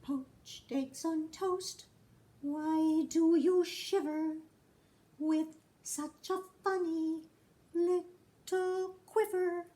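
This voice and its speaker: A woman's voice: extremely high pitch, steady tone, dark tone, pitched above the performer's own voice, full character voice. A woman voicing a fussy little girl in a children's storybook, with a sing-song manner. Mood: sing-song, playful. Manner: breaks into slow, chanting little songs.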